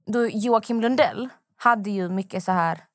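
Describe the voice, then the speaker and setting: A woman's voice: medium pitch, no room sound, studio quality. A young adult woman co-hosting a podcast, chatting casually, teasing her co-host and laughing easily. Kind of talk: casual chat.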